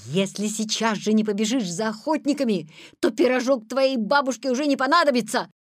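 Storybook schoolboy, bold and bossy, loud and urgent, played by a woman. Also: on the high side, sing-song, measured pace, dry recording, clean studio sound, heavily acted. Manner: shouting, urgent. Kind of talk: storybook reading.

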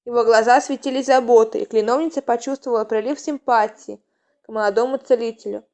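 Woman calmly reading a storybook. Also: on the high side, brisk. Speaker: narrator.

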